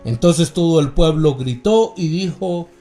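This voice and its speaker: A man with a Guatemalan Spanish accent delivers a sermon at an unhurried, deliberate pace, his voice sitting somewhat high. He reads scripture and explains it, often turning to his listeners as brothers. The sound is roomy and echoing, with a faint guitar playing behind him. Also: expressive, mellow. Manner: slow, measured preaching, often addressing listeners as brothers. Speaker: preacher.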